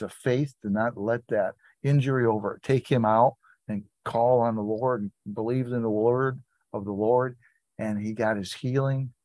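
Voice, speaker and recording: A man's voice: mid-range voice, a little mellow, dry recording. A man leading an informal Bible study, reading scripture aloud and breaking off into conversational asides.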